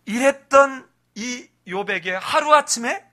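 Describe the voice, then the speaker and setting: Male pastor, animated expository preacher, bright forceful delivery. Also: very high voice, slow. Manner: animated storytelling, rhetorical questions. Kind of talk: expository sermon.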